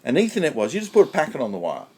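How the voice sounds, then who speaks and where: A man's voice: fairly high pitch, wildly swooping pitch, very fast, darkish tone, slightly rough. A man on a conference panel explaining technical history step by step, repeating key points for emphasis.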